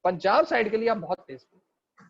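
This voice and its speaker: Chatty Karachi teacher, high bright voice. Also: male voice, sing-song, fairly quick, gravelly, husky, dull audio. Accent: Karachi Urdu. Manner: chatty, joking, mixes English into Urdu; repeats fillers. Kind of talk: online class lecture.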